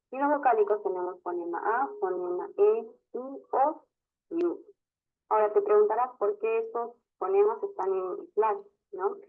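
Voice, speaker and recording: A teacher walks through a lesson step by step, tagging sentences with little questions to check the class is following. The voice sits at an ordinary middle pitch. It comes through narrow and tinny, like a phone line. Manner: explains step by step, constantly adds a questioning tag. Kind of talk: online class lecture.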